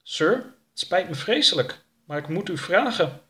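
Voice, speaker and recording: Man voicing a raised-pitch young male sidekick, eager and deferential, storybook. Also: big pitch swings, sharp tone, heavily acted. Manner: dutiful, quick to obey. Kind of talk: audiobook character voice.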